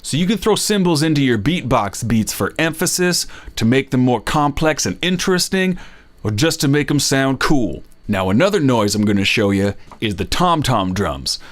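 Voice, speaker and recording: A man's voice: medium pitch, sing-song, normal speed. A man hosting a playful instructional beatbox lesson, explaining drum sounds in an upbeat, jokey voice and demonstrating vocal percussion.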